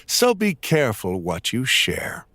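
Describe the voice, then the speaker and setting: A man's voice: medium pitch, huge pitch swings, sharp tone, no echo, heavily acted. A man voicing an eccentric English teacher who lectures with a dramatic classroom flair. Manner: slow, dramatic classroom delivery.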